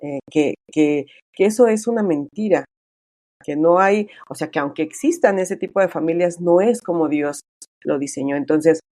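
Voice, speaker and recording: A middle-aged woman speaking as an author being interviewed, in a chatty, casual manner with many fillers and lively quoted dialogue. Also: low-pitched, normal speed, no room sound.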